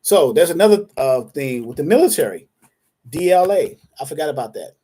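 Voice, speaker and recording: A man's voice: fairly high pitch, sing-song, fairly quick, mellow, husky. Chatty man hosting a live Q&A. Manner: casual, chatty, addresses viewers by name; many restarts and fillers, thinking aloud. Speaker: dispatcher trainer hosting live Q&A. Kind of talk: live online Q&A session.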